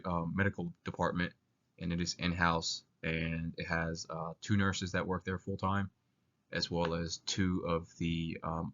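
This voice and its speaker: A young man giving a narrated student presentation, halting and hesitant, while sick with the flu. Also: deep voice, sharp tone. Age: young adult. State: sick with flu, coughing now and then. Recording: dull lo-fi voice recording.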